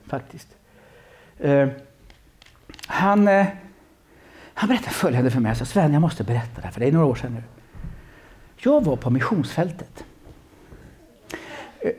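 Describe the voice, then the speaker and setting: A man with a Swedish accent preaching a sermon, repeating himself and swinging between loud calls and quiet asides. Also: on the high side.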